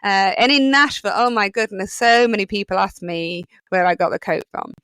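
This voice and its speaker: A woman's voice: medium pitch, fairly quick, a bit bright, clean tone, no echo. A woman with a Yorkshire accent hosting a solo podcast, talking in a chatty, rambling way with many fillers. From England. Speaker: podcast host.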